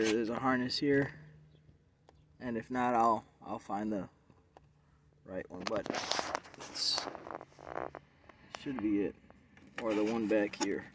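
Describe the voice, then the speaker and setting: A man's voice: medium pitch, noisy background. A man casually narrating a car repair video from inside the car, rambling and thinking aloud with fillers as he works, recorded on a handheld phone.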